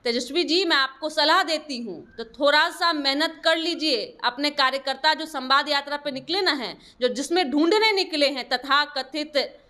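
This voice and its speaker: A woman's voice: high voice, moderate pace, sharp tone. A woman party spokesperson answering interview questions in a combative way, rebutting her opponents and lecturing them.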